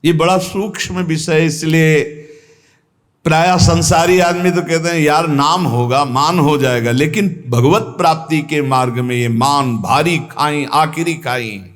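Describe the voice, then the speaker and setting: A man gives a devotional sermon in a North Indian Hindi accent. His earnest, emphatic voice sits somewhat high, and he repeats key phrases for weight. A long hall reverb follows every line. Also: measured pace. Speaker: spiritual teacher giving satsang. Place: ashram hall.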